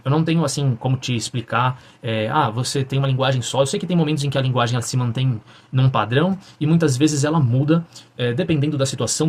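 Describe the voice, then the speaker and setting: A young man telling his personal religious testimony in an earnest, halting way, with frequent restarts. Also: mid-range voice, a little mellow, husky.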